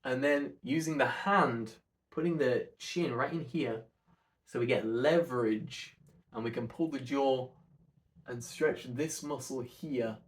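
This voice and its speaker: A man coaching an articulation warm-up in an instructional, demonstrative way, with careful enunciation. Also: medium pitch, slow. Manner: demonstrative, over-enunciates counts and sounds.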